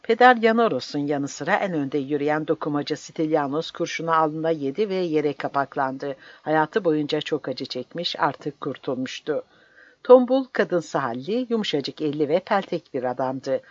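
A narrator reading a novel aloud in a measured, dramatic way. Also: mid-range voice, animated, no room sound. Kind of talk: audiobook narration. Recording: slightly dull dry recording.

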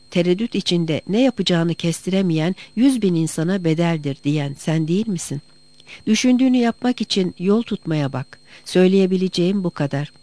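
A calm, devoted chieftain's wife gives soothing, earnest counsel, voiced by an audiobook narrator. Her pitch sits in a middle register. It plays as an audiobook reading. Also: no echo, natural voice.

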